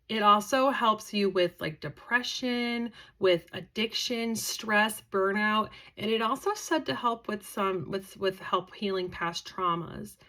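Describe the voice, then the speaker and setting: A woman's voice: mid-range voice, pushed and bright. Tired, chatty woman rambling to camera. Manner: chatty, tangent-prone, heavy on fillers. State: tired, yawning. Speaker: psychic medium and crystal vlogger. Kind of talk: casual rambling talk to camera.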